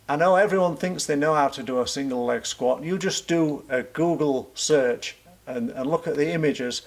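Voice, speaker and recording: A man's voice: mid-range voice, gravelly. A man talking informally to camera as a coach in an instructional vlog, posing questions and answering them himself as he explains. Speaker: running coach and club vlog host.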